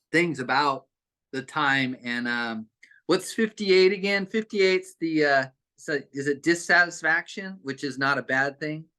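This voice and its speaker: A man's voice: mid-range voice, bright, forceful tone. Rambling man telling a story. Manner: rambling, hesitant, many fillers. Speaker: group participant. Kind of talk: casual storytelling.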